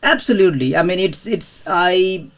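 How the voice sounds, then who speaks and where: A man's voice: high voice, expressive, moderate pace, a bit bright. A man in his thirties, originally from India, speaking as a guest in a casual interview, with frequent fillers and restarts. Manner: hesitant, many fillers and restarts. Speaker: podcast guest, property investor.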